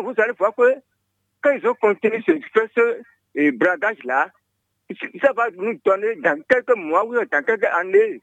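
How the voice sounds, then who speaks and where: A man's voice: sits high, fairly bright tone, dry recording. A man calling in to a radio show, rambling and stumbling with many restarts. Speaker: caller. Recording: muffled phone line.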